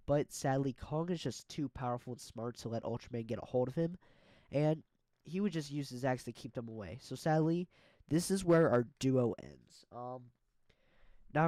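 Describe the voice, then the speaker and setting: A man's voice: mid-range voice, warm tone, dry recording. A man hosting an online monster battle video, talking through the matchups in a casual, hesitant way with frequent fillers. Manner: hesitant, filler-heavy delivery. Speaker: YouTube battle-video host. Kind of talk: casual scripted commentary.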